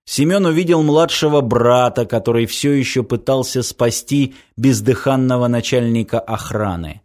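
A man narrating a dark action story in a measured, even scripted reading. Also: mid-range voice. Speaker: audiobook narrator.

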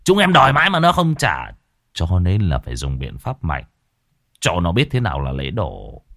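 A man playing a thug gang leader, swaggering, mocking and oily, low lively voice, dry sound, audiobook story. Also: normal speed, no echo, natural voice. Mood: fawning. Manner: mocking, then fawning.

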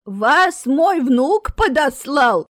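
Feisty old lady, slow and drawn-out, clipped and dry, a woman putting her on, high voice. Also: big pitch swings, dry recording, full character voice. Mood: indignant. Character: feisty old woman, stubborn and sharp-tongued.

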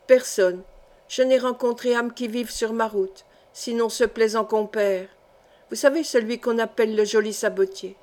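An anguished young nobleman pours out bitter, passionate pleas to his wife, as a woman narrator reads his part. The reading is lightly acted in a somewhat high voice. It is an audiobook of a historical novel. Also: moderate pace, a little mellow, natural voice. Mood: tender.

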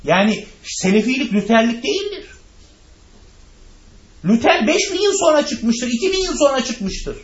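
Animated man lecturing in a roomy hall. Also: extremely high pitch, moderate pace, long pauses, highs cut off. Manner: rhetorical, answers his own questions; addresses listeners directly. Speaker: religious teacher. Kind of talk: lecture to a class.

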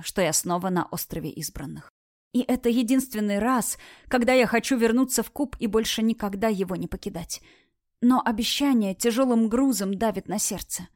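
A woman's voice: medium pitch, dry recording, studio quality. A woman reading a first-person story aloud in an earnest, intimate audiobook narration.

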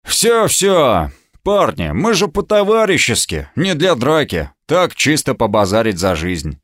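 A man's voice: medium pitch, wildly swooping pitch, measured pace, fairly bright tone, full character voice. A man voicing a cheeky, bantering fellow who mocks his opponents in a teasing, mock-polite way.

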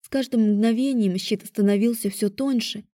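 A woman narrating a first-person audiobook in a calm, measured way. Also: fairly high pitch, no room sound, clean studio sound.

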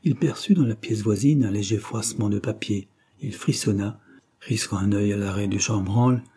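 Homme, narrateur de livre audio, voix grave, timbre voilé, lecture posée. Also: male voice, fairly low pitch, normal speed, warm tone, slightly rough. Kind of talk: scripted narration of a novel.

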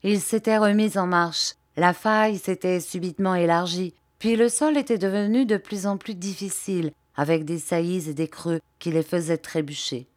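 Woman narrator, audiobook reading, measured, expressive, slightly low voice. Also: dry recording, studio quality.

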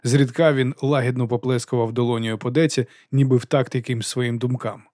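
A man reading a comic fantasy audiobook in an even storytelling voice. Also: medium pitch, brisk, dry recording, studio quality. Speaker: audiobook narrator. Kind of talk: scripted narration.

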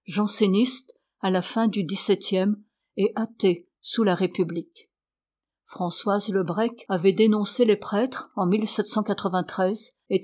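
A woman narrating a nineteenth-century novel as an audiobook reader, in a measured literary reading. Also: mid-range voice, a little mellow. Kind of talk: scripted narration.

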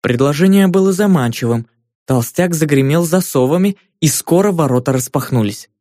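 A man narrates a fantasy novel in an expressive, lively audiobook style. His voice sits a little high for a man and is recorded close on the mic. The room sound is dry. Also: moderate pace, dry recording.

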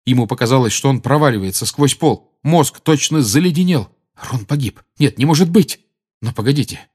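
A man reading a fantasy novel aloud, dramatic and expressive. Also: mid-range voice, normal speed, husky. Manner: dramatic, rising and dropping with the tension. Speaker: audiobook narrator. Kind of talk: expressive audiobook narration.

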